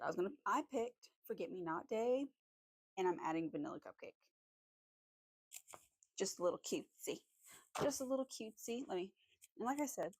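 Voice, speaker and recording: A woman vlogging at home while drawing, chatting casually in a rambling, friendly way with lots of fillers, her voice slightly hoarse. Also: lowish voice, darkish tone, no room sound, rough recording. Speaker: art vlogger.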